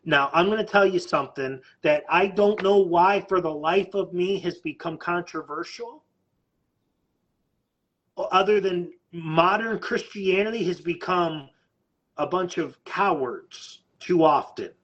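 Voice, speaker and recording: A man's voice: high voice, measured pace, a bit bright, lo-fi sound. A man preaching a sermon as a pastor, urgent and emphatic, often repeating words as he pushes his point.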